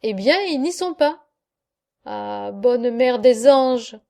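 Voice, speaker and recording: A woman reading an audiobook voices a village priest, a man who pleads fervently and is quick to take fright. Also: fairly high pitch, expressive, dark tone. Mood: dismayed. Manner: pleading, fervent, easily alarmed. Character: anxious village priest, a middle-aged man.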